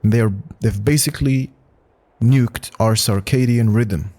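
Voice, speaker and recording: A man's voice: mid-range voice, slow pace, a little mellow. A man reading online hot takes aloud and giving his own blunt, casual opinions on them, with swearing and frequent restarts. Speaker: narrator and commentator. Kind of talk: reading and reacting to posts.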